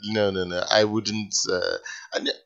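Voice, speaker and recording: A man in his sixties co-hosting a radio show, speaking in a measured, insistent way. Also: lowish voice, level tone, fairly bright tone, lo-fi sound. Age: 60s. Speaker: radio co-host. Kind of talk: casual radio banter.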